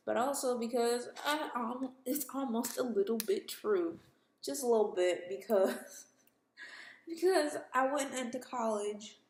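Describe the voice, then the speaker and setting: A woman in her twenties telling a candid, chatty story about her own life in a casual vlog, laughing between phrases. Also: a little high. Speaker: vlogger. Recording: roomy echo.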